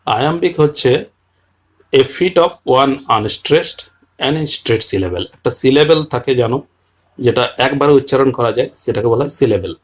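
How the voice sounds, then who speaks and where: A man teaching a poem in detail, patiently explaining its structure and slowly reading quoted lines aloud. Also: medium pitch, husky. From Bengal region.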